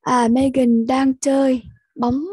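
A young woman with a Vietnamese accent teaching an online English lesson, slow and patient, repeating each sound for her pupils. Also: high voice, level tone, dark tone, breathy edge, no room sound.

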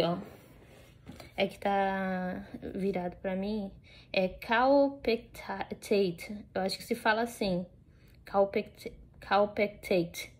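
A woman's voice: mid-range voice, darkish tone, a little hiss or hum. Chatty young Brazilian woman vlogging at home. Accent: Brazilian Portuguese. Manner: chatty, rambling with many fillers and restarts. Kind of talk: casual chat to camera.

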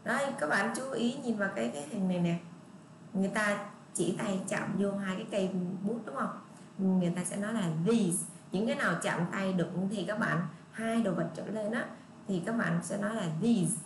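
A woman teacher with a Southern Vietnamese accent, patiently explaining English words to young children and repeating model sentences slowly. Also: medium pitch. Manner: patient, repetitive, drawn-out model readings. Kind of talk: online lesson explaining English pronunciation. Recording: echoey room with faint ambient noise.

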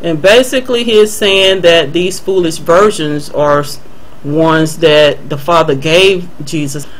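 A man earnestly explaining Bible passages in a voice-over, answering a viewer's email and pausing often with fillers and restarts. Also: a little high, a bit bright, rough recording. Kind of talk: unscripted Bible commentary voice-over.

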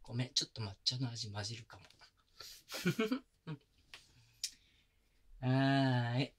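A voice actor voices a young male boyfriend in a Japanese girlfriend-experience roleplay audio drama, a rough-spoken caretaker who dotes on, coaxes, and pampers his partner. He speaks slowly and expressively in a mid-range voice, tender and teasing, his rough casual slang sometimes softened into gentle close whispers on a binaural mic.

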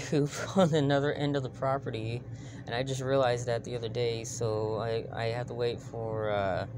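A man with a Texan accent rambling casually to his phone camera outdoors at night, with many fillers and casual swearing. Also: mid-range voice. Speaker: homesteading vlogger. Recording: outdoor night with clear background noise.

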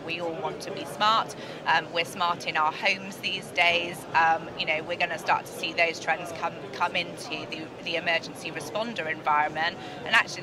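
Interviewed through a handheld microphone held at chest level, a middle-aged British woman who directs sales and marketing speaks in a somewhat low voice. She promotes her company with calm, corporate explanations while the large, busy exhibition hall around her stays noisy.

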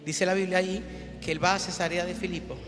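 A woman's voice: on the low side, level tone, fast. A woman pastor preaching a sermon in an emphatic way, repeating phrases and calling on the congregation to answer. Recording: long hall reverb with music behind.

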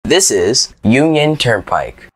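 A man reading scripted transit announcements like a subway or airport announcer, in a formal, measured manner. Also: mid-range voice, big pitch swings, husky, no room sound. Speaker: train announcer.

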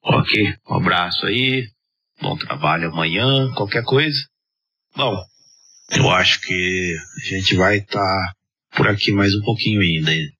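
Easygoing Brazilian male ham operator, low and husky, over two-way radio. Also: measured pace, bright, forceful tone. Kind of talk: casual ham radio chat. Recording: muffled, band-limited shortwave radio audio.

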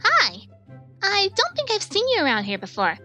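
Woman as squeaky, gushing hedgehog fangirl. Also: huge pitch swings, moderate pace, pushed and bright, faint music behind, heavily acted. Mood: excited, flirty.

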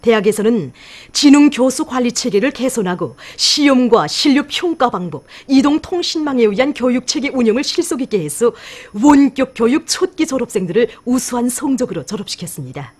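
A woman's voice: a little high, lively intonation, fairly quick, hardly any pauses, darkish tone, husky. A woman with a North Korean accent reading formal scripted news narration.

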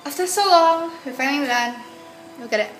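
Cooking late at night in a cramped kitchen, a young woman with a brisk, high-pitched voice jokes with her friend about the way she chops food. She holds the phone camera herself, and the pan sizzles loudly in the background.

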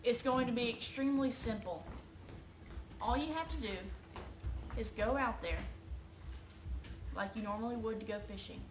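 A woman's voice: fairly high pitch, moderate pace, long pauses. A woman, talking straight to the camera in a rallying, emphatic way, hammering key words as she makes an announcement. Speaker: vlogger. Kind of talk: direct-to-camera vlog and announcement. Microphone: phone or camera close to her face. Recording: roomy echo, faint background hiss.

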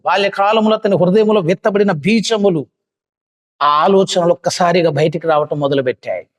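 A man with a high voice preaches to a youth meeting, telling a story with dramatic, impassioned swells. His voice rings out in a hall with long reverb. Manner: dramatic retelling with rising, impassioned cries. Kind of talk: sermon storytelling.

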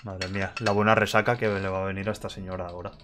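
A man's voice: low-pitched, flat delivery, rapid-fire, noisy background. A man giving gameplay commentary in wry, offhand muttered asides. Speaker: let's play host.

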